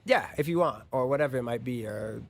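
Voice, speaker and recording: A man who plays soccer, guesting on a podcast in an easygoing way, often trailing off softly. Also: mid-range voice, animated, brisk. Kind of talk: casual chat.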